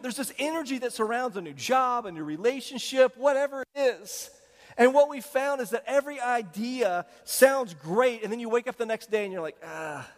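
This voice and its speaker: A man's voice: sits high, in a large hall. A male pastor preaching a conversational sermon and asking the congregation questions. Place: church sanctuary.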